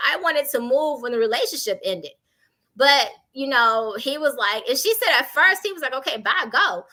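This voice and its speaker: A woman from Chicago speaks candidly on a panel, offering conversational advice in an animated, informal way and using anecdotes to illustrate her points. Her voice sits fairly high, and the recording quality is low.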